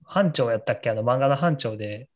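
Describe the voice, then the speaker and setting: A man co-hosting a podcast in casual tech chat, playful and quick to agree. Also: mid-range voice, animated. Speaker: podcast co-host.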